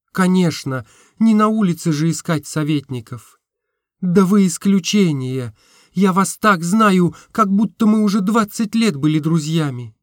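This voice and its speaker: A man voicing a frank, earnest young woman who gently teases, in an audiobook reading. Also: high-pitched, no echo, clean studio sound, pitched above the performer's own voice. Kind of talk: audiobook character voice.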